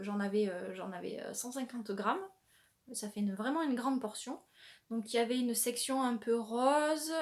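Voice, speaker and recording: A woman hosting a knitting podcast, chatting casually with many pauses and restarts as she shows her yarn. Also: on the high side. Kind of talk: casual show-and-tell chat.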